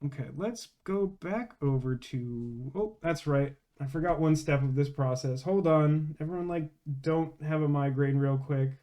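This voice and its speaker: A gamer hosts a livestream, chatting casually with viewers and thinking aloud in a rambling way. His voice is on the high side and warm, at a measured pace with few pauses.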